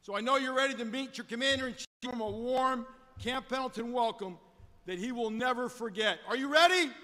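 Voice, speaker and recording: A man's voice: extremely high pitch, fairly quick, bright, forceful tone, a little hiss or hum. A middle-aged man speaking as a commanding military officer, giving a formal, rallying introduction. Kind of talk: formal ceremonial introduction speech. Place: large open hangar at an outdoor military rally. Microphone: podium microphone. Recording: echoing PA in large hall.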